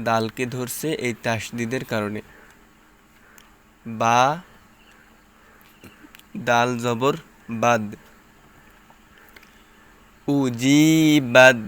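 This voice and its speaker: A man leads a recitation drill at a very unhurried pace. His voice is smooth and resonant. He names each letter and mark, then sings the joined syllables back. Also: medium pitch, pushed and bright. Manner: spells out letters and vowel marks, then chants the joined syllables. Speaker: Quran reading teacher.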